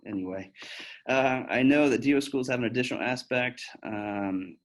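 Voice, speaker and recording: In a casual Q&A, a man in his thirties who works as a physician answers pre-med students' questions in a frank, chatty style full of fillers and restarts. He speaks at a moderate pace with a medium pitch, on a low-quality recording with slight hiss or hum.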